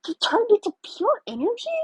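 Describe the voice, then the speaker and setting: A woman's voice: on the high side, animated, measured pace, breathy edge, dry recording, heavily acted. A woman voicing a jumpy, easily alarmed young man who snaps at anyone who gets close, in a read-aloud story.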